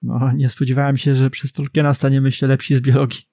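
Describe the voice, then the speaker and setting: A man co-hosting a book discussion podcast with a gravelly, creaky texture to his mid-range voice. He talks in a measured, explanatory way as he walks the listener through the passage. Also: medium pitch, level tone, dark tone, dry recording, clean studio sound. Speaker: podcast co-host.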